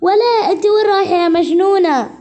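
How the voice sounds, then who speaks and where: A woman's voice: high-pitched, a little fast, warm tone. A woman voicing an angry, scolding mother who has been woken from sleep.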